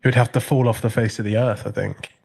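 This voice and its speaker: A man's voice: medium pitch, steady tone, quick pace, creaky, darkish tone, breathy edge. A congested British man hosting a live trading stream, chatting casually with dry, sarcastic humor. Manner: dry, sarcastic humor while reading chat.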